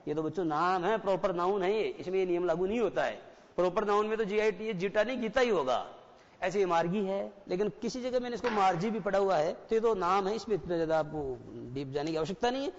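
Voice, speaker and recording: A man's voice: high-pitched, expressive, fast talker. A man with a Rajasthani Hindi accent teaching an English lesson, asking his pupils questions and repeating the answers. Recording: dull lo-fi broadcast sound with long reverb.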